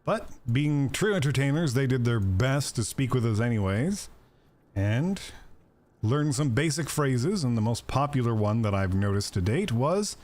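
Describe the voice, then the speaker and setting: A man's voice: mid-range voice, expressive, a little slow, darkish tone. A man streaming a video game, chatting casually and joking with viewers while he plays. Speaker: gaming streamer. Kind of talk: casual gameplay commentary.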